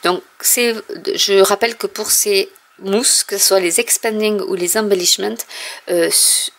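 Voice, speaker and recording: A woman's voice: medium pitch, steady tone, a little slow, fairly bright tone. A French-speaking woman presenting a casual craft product haul at home, explaining in a chatty way with frequent fillers. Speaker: craft vlogger.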